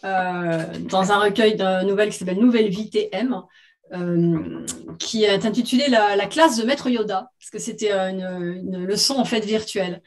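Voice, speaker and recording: A woman reading her own short story aloud with expressive delivery, lifting her voice for the characters' lines, and chatting with frequent hesitations between readings. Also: normal speed. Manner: acts out dialogue with raised pitch and force; hesitant with many fillers when chatting. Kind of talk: expressive reading aloud of fiction, then casual chat.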